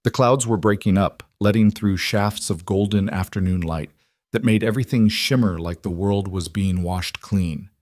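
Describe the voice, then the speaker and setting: A man giving a measured, scripted narration of a western story. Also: lowish voice, darkish tone, dry recording, clean studio sound.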